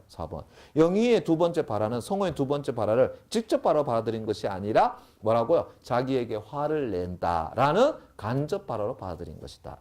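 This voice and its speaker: A man's voice: medium pitch, warm tone. A middle-aged man teaching a grammar lecture to a class, who keeps checking that students follow with short questions.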